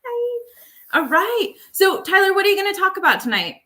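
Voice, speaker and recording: A woman's voice: very high voice, big pitch swings, moderate pace, bright, forceful tone. A woman hosting a live online photography show, chatting casually with many fillers on a makeshift microphone. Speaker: livestream host.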